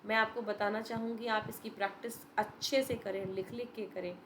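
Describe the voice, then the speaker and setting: A woman's voice: mid-range voice, steady tone, brisk, a bit bright, slight background noise, rough recording. A woman teacher giving a patient, step-by-step revision lesson to young students, mixing Hindi and English. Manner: patient, explains step by step, addresses students as beta.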